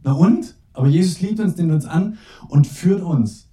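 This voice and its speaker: A man's voice: high-pitched, animated. Earnest preacher man in an echoey room. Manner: earnest, pastoral, slows to a soft hush for prayer. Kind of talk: sermon. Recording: echoey room, mic at a distance.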